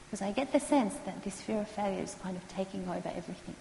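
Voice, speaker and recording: A woman, calmly explaining counselling skills to students and acting out what clients say. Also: medium pitch, gravelly. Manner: calm, measured, acts out client quotes. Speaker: counselling lecturer. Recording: echoey hall, faint noise.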